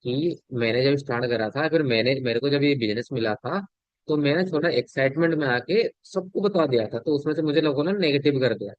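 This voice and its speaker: A man coaching a sales team in an informal talk. He keeps asking whether they understand, repeats his points, and changes his loudness and speed to demonstrate. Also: mid-range voice, lively intonation, fairly quick, no echo. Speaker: sales business trainer. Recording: dull lo-fi audio, dry.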